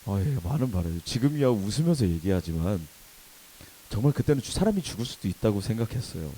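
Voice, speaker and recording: A young adult man preaching to a youth service, telling a funny personal story with lively acted quotes and laughter. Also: on the low side, fast, a little hiss or hum, low-quality recording. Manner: animated storytelling, laughing at himself, acting out quoted shouts. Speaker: youth pastor. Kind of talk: sermon with personal anecdote. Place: church worship hall.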